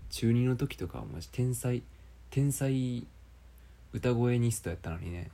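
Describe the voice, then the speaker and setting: A young man with a Kansai accent, rambling through a casual, self-mocking solo podcast in a low voice. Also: expressive, unhurried, creaky, mellow. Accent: Kansai Japanese. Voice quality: low speaking voice.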